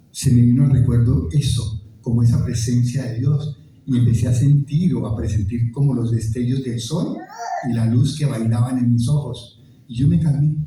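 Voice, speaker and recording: Colombian man, emotional testimony, dark mellow voice, big echoey hall, heard from a distance. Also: mid-range voice. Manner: emotional storytelling, acts out crowd voices. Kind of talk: testimony talk.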